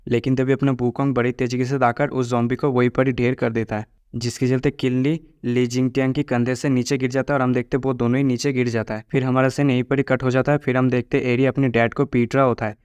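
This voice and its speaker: A man narrating a story recap in a steady, even storytelling manner. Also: medium pitch, fast, hardly any pauses, smooth, dry recording. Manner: flat, steady storytelling with quoted lines read plainly.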